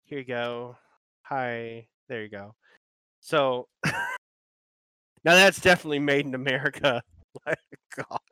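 A man's voice: medium pitch, big pitch swings, a little slow, pauses often, bright, forceful tone, smooth, dry recording. A man co-hosting a casual podcast chat, ranting and rambling with lots of "like" and restarts. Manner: rambling, ranting, heavy use of filler "like".

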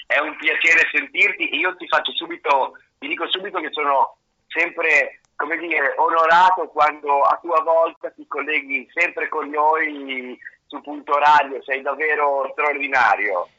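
A man phones in to a live radio show, his voice coming through what sounds like a speakerphone. His tone is very bright and sharp, while the line is dull and lo-fi. He is chatty and friendly, teasing the host. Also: a little high, steady tone, measured pace. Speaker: singer-songwriter guest calling in.

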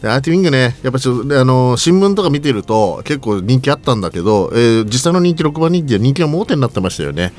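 A man's voice: medium pitch, lively intonation, fast talker, hardly any pauses, darkish tone. A man giving casual analysis as a racing pundit, often ending sentences by seeking agreement.

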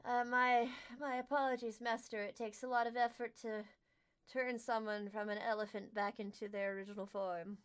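A woman playing an exhausted, servile little male imp in a tabletop game, weary, halting and deferential. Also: fairly high pitch, level tone, clear, resonant tone, natural voice. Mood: weary, apologetic. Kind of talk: tabletop role-play acting.

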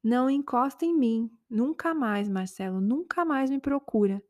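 A fed-up young girlfriend in a spoken story, voiced by a woman reading it. She scolds firmly and plainly, in a dry, close voice pitched a little high. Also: normal speed, a little mellow, dry recording. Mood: firm, tearful. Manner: firm, reproachful.

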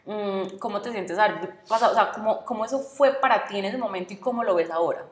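A woman hosting a casual podcast interview, chatty and quick with short replies. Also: mid-range voice. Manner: chatty, many short backchannels. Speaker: podcast host. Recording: echoey room.

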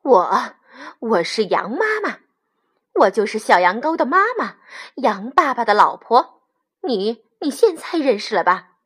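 A woman's voice: on the high side, big pitch swings, unhurried, fairly bright tone, husky, heavily acted. A woman voicing a fierce, protective mother sheep in a storybook read-aloud, insistent and indignant.

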